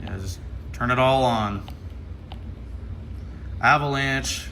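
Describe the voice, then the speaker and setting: The American man from Ohio, a radio hobbyist, has a medium-pitched voice with a sharp tone and takes his time. He offers casual, hands-on commentary on an unboxing, thinking aloud and muttering through menu items, against clear background noise.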